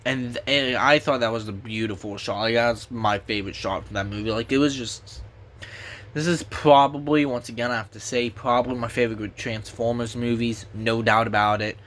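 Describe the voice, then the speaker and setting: A man's voice: mid-range voice, steady tone, moderate pace, a bit bright. Rambling young man with a sore throat. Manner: rambling, restarts often, swears casually. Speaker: movie reviewer. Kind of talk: casual solo movie review.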